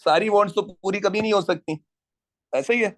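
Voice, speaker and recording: A man's voice: high-pitched, fairly quick. A man teaching an economics class, lecturing and quizzing students and teasing latecomers.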